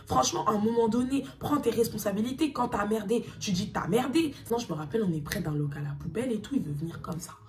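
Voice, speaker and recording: A young woman telling a personal story to her viewers in a casual, animated, slangy and emphatic way. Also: mid-range voice, fast, hardly any pauses, recorded from a distance.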